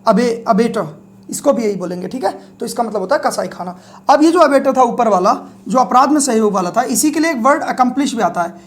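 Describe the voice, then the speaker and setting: A young man teaching vocabulary for exams. He explains each word with a memory trick and keeps checking in with the class. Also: very high voice. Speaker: vocabulary teacher for exam prep. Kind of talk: classroom-style lesson.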